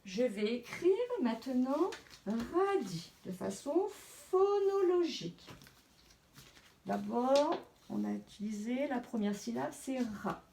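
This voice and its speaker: A woman teacher with a French accent, giving a slow phonics lesson and carefully sounding out letters and syllables. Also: on the high side, expressive, creaky, dark tone, distant mic, slight background noise. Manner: slow, deliberate, spelling out sounds.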